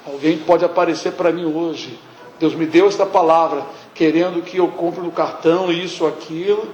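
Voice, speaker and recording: A man's voice: fairly high pitch, steady tone, normal speed, a little mellow, echoey room, muffled recording, slight background noise. A male pastor preaching a conversational sermon, often tagging his sentences with questions and acting out prayers. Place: church hall.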